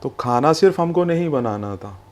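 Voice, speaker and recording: A man who founded a food business, explaining its history in a calm, storytelling way and mixing English phrases into his talk. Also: on the high side, moderate pace. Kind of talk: business interview.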